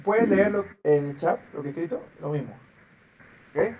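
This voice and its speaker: A man's voice: a little high, expressive, moderate pace, darkish tone, distant mic, a little hiss or hum, low-quality recording. A man teaching an online English class, patiently repeating words and phrases over and over for his pupils. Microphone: video call.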